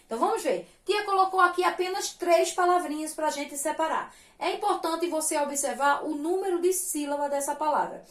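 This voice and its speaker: A woman teaching young children with a Brazilian Portuguese accent, patient and sing-song, spelling syllables out slowly. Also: high voice, a bit bright, roomy sound. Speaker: primary school teacher. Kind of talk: recorded lesson for young children.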